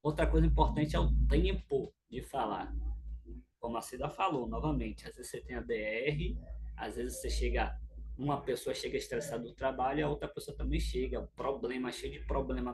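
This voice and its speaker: A middle-aged man with a Brazilian Portuguese accent, lecturing an audience in a lively, informal way and acting out little scenes. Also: medium pitch, moderate pace. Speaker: speaker at a relationship talk.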